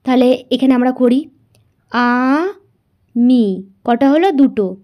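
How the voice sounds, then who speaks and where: A woman's voice: high-pitched, warm tone. A woman teaching a grammar lesson to school students, patiently asking questions and answering them herself, and drawing out words as she writes. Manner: slow, patient, asks and answers her own questions.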